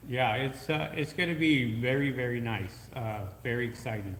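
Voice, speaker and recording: A man's voice: mid-range voice, moderate pace, a bit bright, reverberant, in a large hall, slight background noise, poor audio. A man co-hosting a live podcast, easygoing and full of uhs, greeting viewers and reading their comments aloud. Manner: easygoing, filler-heavy with frequent uh. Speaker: podcast co-host.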